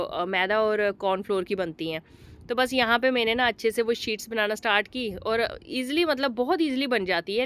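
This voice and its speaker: A woman's voice: a little high, clean tone. A woman in her thirties, a mother and homemaker, narrating her day in a chatty, homely vlog voice-over with many fillers.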